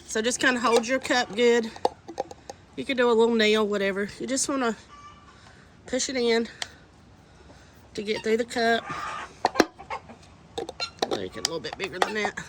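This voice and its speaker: Speaking a little high at a moderate pace with long pauses, a woman with a cold-stuffed voice shows how to repot seedlings outside in the wind. The homesteading vlogger is chatty, homey and instructive, and faint wind is audible.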